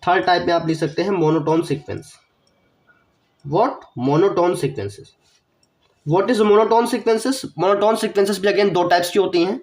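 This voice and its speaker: Speaking slowly in a high-pitched, darkish voice, a young man delivers an online math lecture despite having a cough and feeling unwell. He walks through each step, repeats important phrases, and asks the viewer questions.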